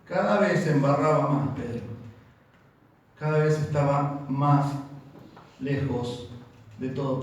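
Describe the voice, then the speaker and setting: A man with an Argentine accent preaches emphatically, throwing questions out to his listeners. His fairly high voice rings through a very echoey church and sounds set back from the mic, with a faint hum of the room behind him. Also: a little mellow, distant mic. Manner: emphatic, asks the congregation questions. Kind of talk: sermon.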